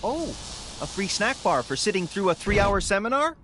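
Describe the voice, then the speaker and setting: A man's voice: high voice, very animated, moderate pace, noisy background. A man playing a chatty, musing city bystander in a video game.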